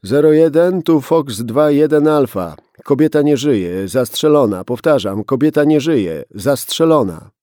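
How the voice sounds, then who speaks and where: A man voicing a frightened young police officer who speaks in a calm, pleading way. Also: fairly low pitch, unhurried, gravelly, hardly any pauses, no echo, clean studio sound, full character voice. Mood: urgent.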